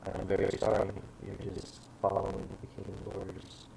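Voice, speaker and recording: A man voicing a cold, expressionless male inquisitor who speaks in a quiet, formal way. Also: low voice, completely flat delivery, moderate pace, creaky, recorded from a distance, voice pushed down. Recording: noisy background.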